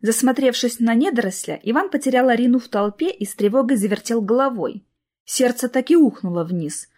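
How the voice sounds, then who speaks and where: A woman narrating a novel in an even storytelling manner. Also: fairly high pitch, fairly quick. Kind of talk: audiobook narration.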